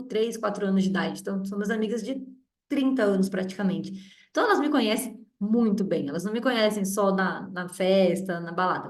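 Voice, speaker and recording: Strong-voiced woman mentor in her thirties. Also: fairly high pitch. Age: 30s. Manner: chatty and direct, with many restarts and tag questions. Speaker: mentor leading a group meeting. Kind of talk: casual teaching talk. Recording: roomy echo.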